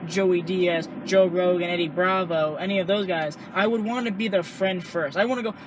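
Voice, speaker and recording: A man's voice: high-pitched, steady tone, moderate pace, noisy background. A man, a stand-up comedian guest, riffing emphatically in casual podcast chat. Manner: emphatic, riffing, repeats himself.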